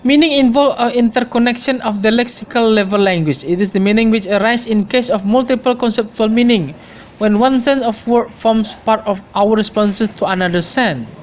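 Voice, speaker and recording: A man's voice: high voice, moderate pace. A man giving an explanatory lecture, thinking aloud with frequent fillers and reading English passages aloud.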